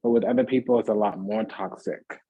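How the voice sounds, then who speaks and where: A man with a dark, mellow, husky voice gives a casual, rambling tarot reading. He strings ideas together in long lists and drops the odd blunt curse. The sound is dry and a little muffled, like a simple home setup. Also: lowish voice, fairly even intonation, a little fast, no echo. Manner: rambling, repeats phrases in lists, asks "does that make sense?". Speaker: tarot reader.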